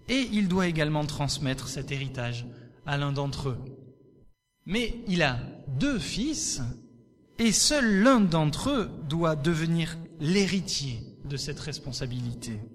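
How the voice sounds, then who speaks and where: A man reading a Bible passage aloud and then teaching on it, in an expressive and measured way, asking questions of his listeners. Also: fairly high pitch.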